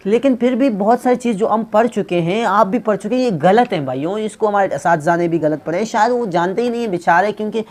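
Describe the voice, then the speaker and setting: A man's voice: sits high, a little fast, hardly any pauses, darkish tone. A man teaching English pronunciation in a casual video lesson, joking and teasing his viewers as he explains, and dropping English phrases into his talk.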